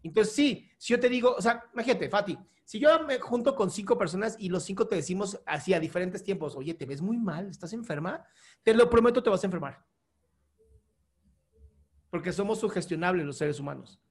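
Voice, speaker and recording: A man's voice: sits high, lively intonation, fairly quick. A man with a Mexican accent, a psychologist giving frank, colloquial advice to a caller on his show. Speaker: psychologist host.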